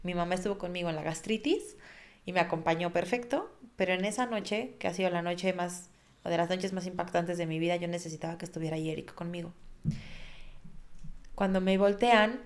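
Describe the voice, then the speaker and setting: Earnest woman telling her story. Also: fairly low pitch. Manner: earnest, reflective, vividly recounts dialogue. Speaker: podcast guest. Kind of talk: conversational personal storytelling.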